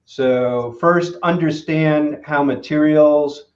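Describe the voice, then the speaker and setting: A man answering interview questions as a materials expert, halting and full of fillers. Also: a little high. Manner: halting, many "uh" and "you know" fillers. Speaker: guest expert in materials engineering. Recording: roomy, dull lo-fi sound.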